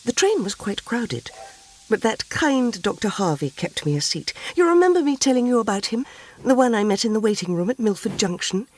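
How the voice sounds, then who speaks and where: There is a little hiss or hum as a woman with a fairly high, darkish voice reads a dramatic first-person short story, very animated and a little fast. She plays a naive, prim, tearful English housewife from the 1940s, genteel, earnest and wistful, in an English accent.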